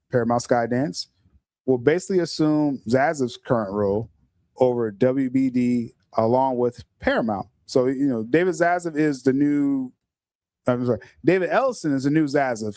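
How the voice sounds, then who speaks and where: A middle-aged man, the host of a casual podcast livestream, speaks in an animated way, laughing often and stumbling over repeated words. His pitch is medium and the recording is dry.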